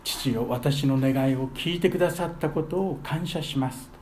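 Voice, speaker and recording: A man preaching a sermon as pastor, earnest, with his voice swelling loudly on key phrases. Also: mid-range voice, moderate pace, a little hiss or hum.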